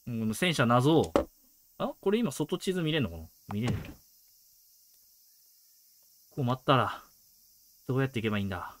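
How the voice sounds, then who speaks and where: A man's voice: medium pitch, no room sound. A man giving casual let's play commentary, muttering reactions and quips as he plays. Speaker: game streamer.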